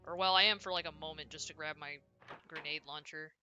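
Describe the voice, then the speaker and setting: Bright-voiced woman streamer chatting over gameplay. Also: low-pitched, fast, lo-fi sound, soft background music. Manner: chatty, self-deprecating, reacting aloud. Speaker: streamer playing a horror game. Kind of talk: casual gameplay commentary.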